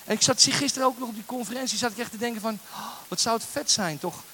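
A man preaching a lively sermon as a guest speaker, joking and getting the congregation to say lines along with him. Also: very high voice, quick pace, slight background noise. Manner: animated, jokey, leads the crowd in call-and-response.

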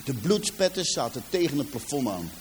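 A man's voice: medium pitch, big pitch swings, moderate pace, slight background noise. A man from Rotterdam with a Rotterdam accent, giving a personal testimony to a live audience and acting out the dialogue as he tells it. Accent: Rotterdam Dutch. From Rotterdam, Netherlands. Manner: vivid storyteller who acts out dialogue and addresses the audience directly. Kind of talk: personal life story told to a live audience. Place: in front of a seated audience.

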